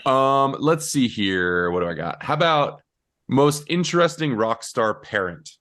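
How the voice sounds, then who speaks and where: A man's voice: mid-range voice, lively intonation, unhurried, a bit bright. A man co-hosting a podcast, chatting casually and rambling with many restarts. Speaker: podcast co-host. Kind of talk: casual chat.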